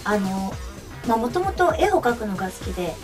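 A woman with a high, cute, girlish anime-like voice, telling personal stories casually as an interview guest. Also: sing-song, brisk, far from the mic. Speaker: guest, chanson singer and stage performer. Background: background music.

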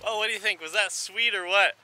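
A man's voice: high-pitched, fast talker, over music. A man talking casually and eagerly to camera as a travel vlogger, filming outdoors and on the road. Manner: upbeat, excitable. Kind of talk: casual vlog talk. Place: outdoors and driving a vehicle. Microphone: action camera. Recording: loud car and outdoor noise. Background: vehicle and outdoor noise.

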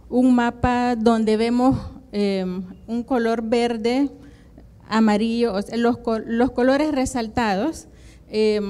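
A middle-aged woman from Nicaragua's Atlantic coast gives a conference presentation into a handheld mic, her smooth, resonant voice sitting on the high side. She's a university program coordinator on a panel, explaining at a steady pace but hesitantly, with many "em" and "eh" fillers. The room has flags and a projection screen.

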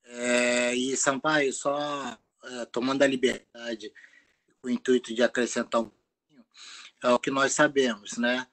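Man, polite measured comment on a video call, average pitch, tag questions. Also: little pitch movement, a bit bright, low-quality recording. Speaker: participant in online lecture.

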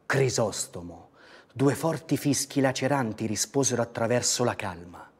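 A man giving a slow, measured and expressive dramatic reading of a novel. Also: medium pitch, husky.

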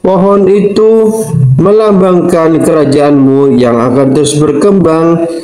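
A man voicing a clever, wise male court advisor who speaks with calm, soothing reassurance in a storybook reading. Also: on the high side, slow pace. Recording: roomy echo.

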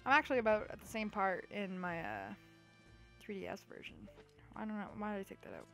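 A woman's voice: medium pitch, sing-song, fairly quick, creaky, a bit bright, faint music behind. A young woman giving chatty, goofy gameplay commentary, swearing freely as she plays. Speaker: let's play host.

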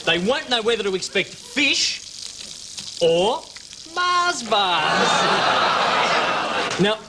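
An Australian comedy cooking presenter puts on a mock cookery demonstration on a TV studio kitchen set, speaking very slowly in a high-pitched voice with big pitch swings. He's theatrical and mock-earnest. The noisy old TV audio picks up the studio audience's noise and laughter, plus clicks.

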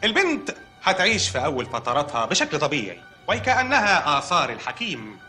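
An actor playing a matter-of-fact hospital doctor in a comedy sketch, with an Egyptian accent, calmly delivering odd news. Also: male voice, on the high side, fairly quick, soft background music, exaggerated voice. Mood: deadpan. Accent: Egyptian Arabic. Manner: calm, then suddenly shouting.

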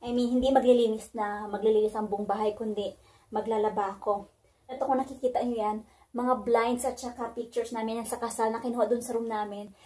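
Talking into a phone she holds in her hand, this thirtysomething vlogger chats about her day around the house and backyard as she works through chores. Her voice sits a little high, steady in tone and fairly quick, mellow with a breathy edge, all in a casual home-vlog style.

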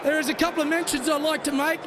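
An Australian man giving a halting speech on a stadium ground into a microphone. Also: very high-pitched, level tone. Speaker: presenter at trophy ceremony. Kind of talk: public speech. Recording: crowd and stadium noise behind.

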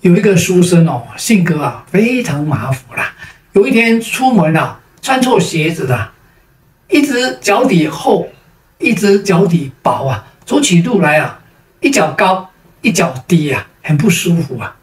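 Taiwanese woman telling jokes, roomy and distant. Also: fairly low pitch. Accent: Taiwanese Mandarin. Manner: lively, drawn-out sentence particles. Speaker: joke storyteller. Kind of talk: storytelling of jokes. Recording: roomy sound from a distant mic.

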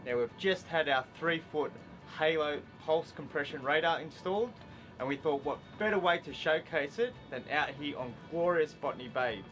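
A man's voice: fairly high pitch, normal speed, fairly bright tone, rough recording. A man in his thirties with an Australian accent, hosting a casual product demo on the deck of a boat, upbeat and enthusiastic. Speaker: fishing show host. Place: open deck of a boat on a bay, outdoors. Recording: music bed underneath.

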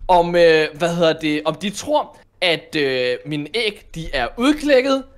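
A young man playing Minecraft in role-play with a friend, rambling and hesitant with many fillers, breaking into excited shouts. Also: on the high side. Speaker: co-host of a gaming channel.

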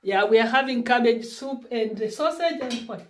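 Speaking at a moderate pace in a slightly high voice, this Kenyan vlogger in her sixties chats to a phone camera held out at arm's length. The setting is a small home, and she keeps pleading and repeating herself.

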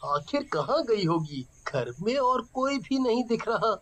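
A man's voice: high voice, sing-song, a little hiss or hum, heavily acted. A man doing a sorrowful ghost brother. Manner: soft, mournful, drawn-out. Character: gentle dead young brother now a ghost, sorrowful.

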